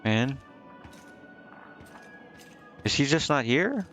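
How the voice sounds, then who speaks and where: Streaming a game, a man gives casual live commentary, hesitantly thinking aloud and reading on-screen text. His medium-pitched voice is sing-song, very slow, and a bit bright, with game music underneath.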